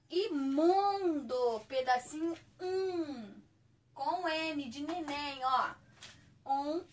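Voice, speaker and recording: Slow, high-voiced woman teaching small children. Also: distant mic, slight background noise. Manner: slow, drawn-out words for young children, checking "tá?". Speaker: primary school teacher. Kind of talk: remote class, reading workbook exercises.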